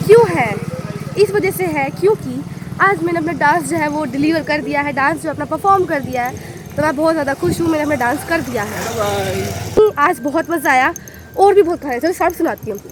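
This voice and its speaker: Young woman vlogger from Haryana, high-pitched, lively storyteller, phone-recorded outdoors at night. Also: brisk, noisy background. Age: young adult. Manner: animated, exclaiming storyteller. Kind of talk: casual storytelling vlog.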